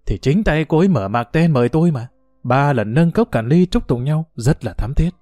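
A man's voice: a little high, animated, normal speed, dark tone, no room sound, studio quality, soft background music, natural voice. A man voicing a proud, teasing old retired official who talks in a boastful, bureaucratic way. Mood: smug.

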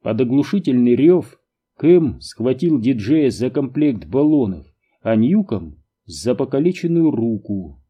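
A man narrating an audiobook in an even, measured reading. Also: medium pitch, slightly rough, highs cut off.

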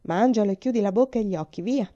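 A woman's voice: medium pitch, fast, dark tone, muffled recording, close to an everyday voice. A woman voicing a brusque young man who bosses a child around in a storybook reading. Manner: brusque, bossy.

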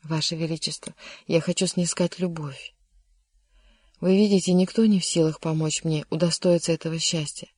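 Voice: mid-range voice, fairly even intonation, normal speed, a little mellow, dry recording, natural voice. A reader voicing a melancholy, lovesick young nobleman in an audiobook, earnest and bitter. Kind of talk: audiobook character reading.

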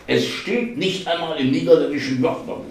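A sarcastic, exasperated office researcher in a reading of a novel, as a man puts him on, pitched well above the reader's own voice, his words edging toward a crack. It is heard from a distance in an echoey hall, with faint noise behind. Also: a little fast, lightly acted. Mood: indignant.

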